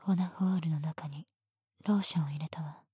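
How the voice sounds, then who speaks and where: A woman voicing a teasing, domineering female teacher in a whispered roleplay, speaking in a soft, breathy, bossy way. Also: deep voice, fairly even intonation, brisk, dry recording, studio quality. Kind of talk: erotic ASMR roleplay.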